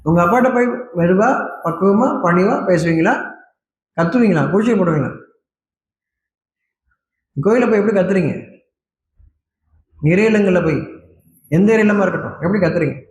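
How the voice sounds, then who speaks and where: A man preaching a sermon, scolding his listeners with a steady stream of rhetorical questions. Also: high voice, moderate pace, pauses often, roomy sound, slight background noise.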